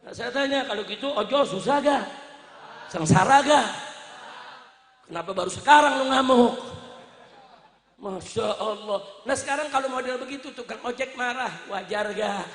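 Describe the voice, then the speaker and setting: A male preacher gives a fiery rally speech, pounding the crowd with questions and shouts. His voice is very high, bright and cutting. It rings through a reverberant, echoing space with a long tail. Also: normal speed, pauses often. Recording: echoey reverberant hall sound.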